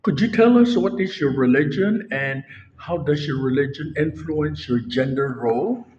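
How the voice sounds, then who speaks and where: A man's voice: a little high, normal speed, a little mellow, a little hiss or hum. A man interviewing a guest, asking questions in a formal, polite way. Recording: dull lo-fi audio.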